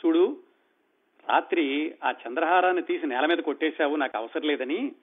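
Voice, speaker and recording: A man's voice: fairly high pitch, normal speed, breathy edge. A man voicing an angry young husband in a told story, answering his wife with indignant, insistent retorts in a slightly raised voice, over a tinny phone-like sound.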